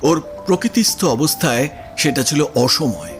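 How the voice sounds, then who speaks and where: A man narrates literary prose for an audio story, his fairly high voice animated yet unhurried. Background music plays under his voice.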